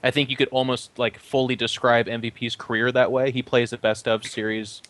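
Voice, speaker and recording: A man's voice: medium pitch, fairly quick, no echo. Man hosting a casual esports chat. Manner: animated, asks the panel questions. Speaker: show host.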